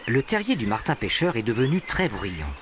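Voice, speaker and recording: A man's voice: mid-range voice, sing-song, normal speed, noisy background. A man reading scripted narration for a nature documentary. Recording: animal and bird sounds behind. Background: birdsong and natural ambience.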